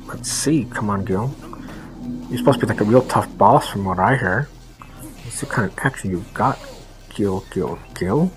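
A man's voice: on the low side, poor audio. Rambling trash-talking gamer guy. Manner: rambling trash talk, slangy and rowdy. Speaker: gamer commentating his own play. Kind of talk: casual gameplay commentary.

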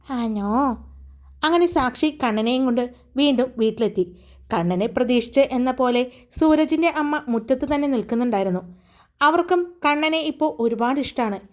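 A woman narrating a romantic story in a steady, even storytelling manner. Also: high voice.

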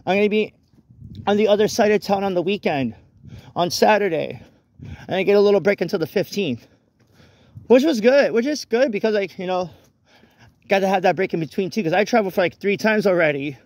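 Rambling high-voiced man on a night walk. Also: a little fast, pauses often, no room sound. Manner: rambling, many restarts and self-corrections. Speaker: vlogger. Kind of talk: casual walk-and-talk vlog. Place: outdoors on a rainy night street. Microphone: phone camera held while walking.

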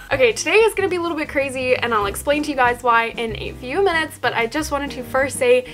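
Bubbly high-voiced young woman vlogging. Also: fairly quick, fairly bright tone. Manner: bubbly, giggly, enthusiastic. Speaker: YouTube vlogger. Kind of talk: casual chatty vlog to camera.

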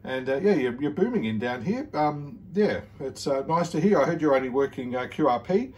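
With a darkish, mid-range voice and lively intonation, an Australian man talks a little fast during a casual ham radio chat at his desk indoors. He comes across as friendly and encouraging, and the phone camera picks him up from afar.

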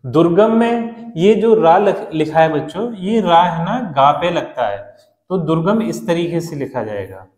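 A male teacher patiently explaining a lesson to children, repeating key words and spelling them out slowly. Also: fairly high pitch, lively intonation, a little mellow, echoey room.

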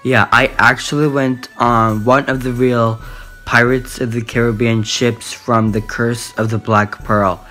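A teenage male vlogger telling a story casually and haltingly, repeating himself, recorded on a handheld phone in a small room. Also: mid-range voice, flat delivery, bright, forceful tone, soft background music. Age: teens. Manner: halting, repetitive. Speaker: video host. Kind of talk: casual excited vlog storytelling. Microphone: phone at arm's length.

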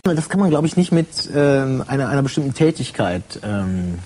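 A man's voice: medium pitch, sing-song, moderate pace, warm tone, slight background noise. A man answering interview questions, hesitant and searching for words.

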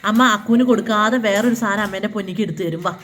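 A woman's voice: mid-range voice, racing, a bit bright, slight background noise. A mother who films and talks to her young children at home in a coaxing, affectionate, sing-song way. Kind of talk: casual home vlog, talking to her kids. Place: family home, indoors.

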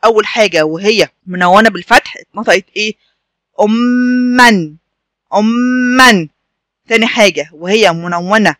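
A man with an Egyptian Arabic accent leads a children's reading lesson. His voice sits high and sounds clear and bright, recorded close and dry. He stretches the syllables slowly and repeats each word so the pupils can say it after him. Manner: slow drawn-out syllables, repeats words for pupils to echo. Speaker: teacher.

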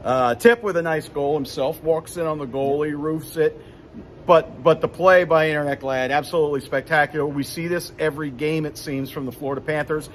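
Standing by the rink in an indoor hockey arena, a man in his fifties gives an easygoing postgame recap, restarting often and leaning on fillers. His voice is a little high and a little fast, and the arm's-length phone camera catches slight background noise.

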